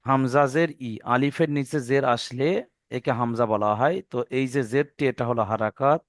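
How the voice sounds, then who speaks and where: Male reading teacher, online class; patient, spells everything out, stretches recited words. Smooth, clear voice, dry sound. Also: medium pitch, no echo. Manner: patient, spells out letters and vowel marks step by step; draws out recited words slowly.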